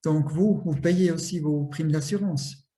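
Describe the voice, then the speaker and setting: A man with a foreign, non-native accent in French, giving a presentation in a halting, explanatory way with rhetorical questions. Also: on the high side, mellow. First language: not French. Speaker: industry association representative, speaker. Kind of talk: presentation to an audience.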